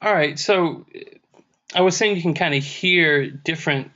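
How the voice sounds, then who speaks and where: A man lecturing on music history in a somewhat high voice. He stops and restarts often, with many fillers, and scats rhythms to demonstrate them. The lo-fi recording sounds dull. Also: a little slow, pushed and bright.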